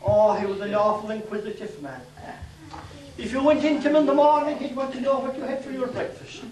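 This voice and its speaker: A man's voice: very high-pitched, brisk, a little mellow. An older man with an Irish accent telling comic stories to a live audience, leisurely and dryly humorous. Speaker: storyteller. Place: day centre hall. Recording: echoey room from far off.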